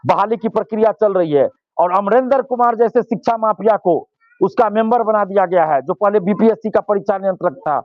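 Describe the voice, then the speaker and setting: A man's voice: sits high, a little fast, dry recording, lo-fi sound. A male student leader, giving impassioned interview answers and repeating phrases for force.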